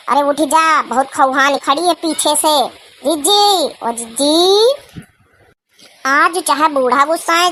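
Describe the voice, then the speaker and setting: A woman's voice: sits high, pushed and bright, slight background noise. A woman voicing an easygoing young village woman in a comedy cartoon, chatty and teasing. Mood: coaxing.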